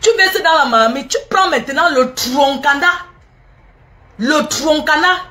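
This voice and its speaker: A woman's voice: sits high, expressive, moderate pace, pushed and bright. A middle-aged woman talks viewers through a recipe in a casual cooking video, repeating each step and teasing and scolding as she goes. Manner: repetitive, teasing and scolding, addresses viewers directly. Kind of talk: casual spoken recipe demonstration.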